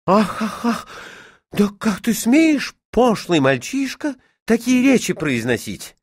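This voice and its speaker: A man voicing a fussy, scolding middle-aged lady at her summer house, with a shrill, exclaiming manner. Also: wildly swooping pitch, a little slow, no room sound, studio quality. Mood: indignant.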